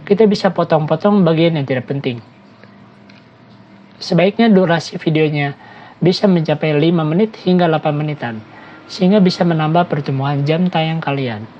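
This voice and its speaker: A woman narrating a screen-recorded app tutorial, giving steady step-by-step instructions and talking to viewers as friends. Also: low voice, normal speed, dull audio, a little hiss or hum.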